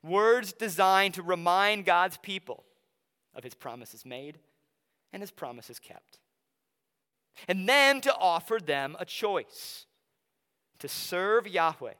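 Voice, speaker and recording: A pastor delivers a sermon with a Bible reading and a personal story in a high, ringing, crisp and clear voice with a fairly bright tone. He speaks conversationally, then slows right down to stress key phrases, his words trailing into the long reverb of a large hall.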